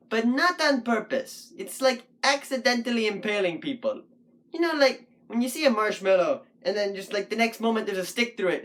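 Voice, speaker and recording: A performer voices a shaggy, goofy talking wolf puppet who hosts the show, rambling and thinking aloud in a casual puppet vlog. The voice is mid-range and lightly acted.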